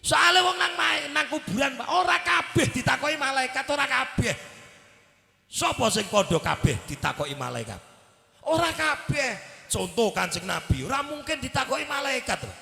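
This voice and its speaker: A middle-aged man with a Javanese accent preaching a village sermon, animated and joking, bursting into shouts. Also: extremely high pitch, gravelly, echoey room, in a large hall. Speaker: Islamic preacher. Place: outdoor village gathering.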